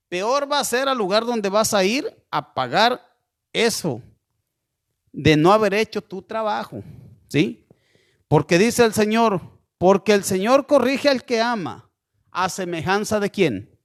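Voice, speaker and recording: A man preaching a sermon slowly and deliberately, often checking in with listeners with a questioning "¿sí?" and asking them to send in messages. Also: sits high, fairly bright tone. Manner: slow, deliberate preaching with frequent rhetorical "¿sí?".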